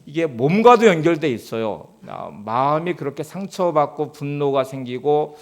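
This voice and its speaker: A male pastor delivering a Sunday sermon in a calm, explanatory way, voicing the listener's inner questions as he teaches. His voice sits a little higher than most men's. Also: normal speed. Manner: calm, explanatory preaching with rhetorical self-questions.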